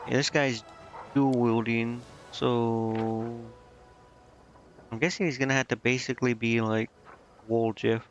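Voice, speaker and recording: Soft music plays behind a male streamer whose mid-range voice stays flat and unhurried, with frequent pauses. He casually thinks through his game aloud, questioning himself as he reads menus. His muffled, lo-fi mic lets plenty of background noise through.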